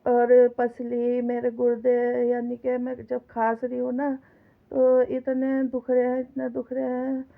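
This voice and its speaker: A woman's voice: on the high side, completely flat delivery, measured pace, vocal fry. A middle-aged woman with a sore throat and cough chatting to viewers while she cooks, in a home kitchen filmed on a phone. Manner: chatty, complaining, talks straight to viewers. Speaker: home vlogger. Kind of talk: casual vlog chatter while cooking. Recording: tinny phone-like sound.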